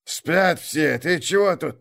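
A man's voice: a little high, lively intonation, slow pace, gravelly, a bit bright, full character voice. A man voicing a timid young male watchman in an audiobook, mumbling sheepishly. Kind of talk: audiobook character voice.

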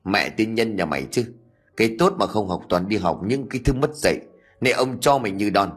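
A man voicing a hot-tempered, superstitious middle-aged father who scolds quickly and sharply in a storybook ghost tale. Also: on the low side, animated, slightly rough. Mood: angry.

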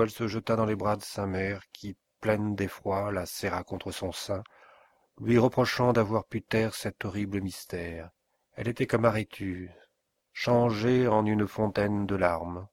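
A man with a low voice reads a classic novel aloud as an audiobook. His reading is measured and literary. The recording is close and dry. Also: no echo. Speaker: audiobook reader. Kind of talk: scripted narration of a classic novel.

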